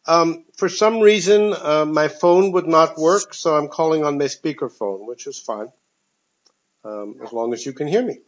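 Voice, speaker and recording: A man's voice: on the high side, moderate pace. A man teaching a discussion class, heard through a speakerphone on a phone call, talking in a thoughtful, hesitant way with many ums. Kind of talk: leading a text discussion class. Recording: dull speakerphone call audio.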